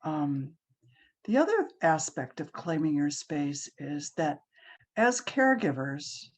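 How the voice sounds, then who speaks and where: A woman leading a guided relaxation class, speaking softly and soothingly with frequent ums. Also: low voice. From Hawaii. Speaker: meditation guide.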